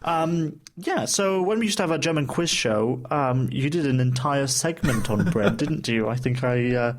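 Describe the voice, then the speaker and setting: A man's voice: mid-range voice, expressive, moderate pace, slight background noise. Chatty male podcast co-host. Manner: chatty, playful with words, many fillers. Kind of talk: casual podcast chat.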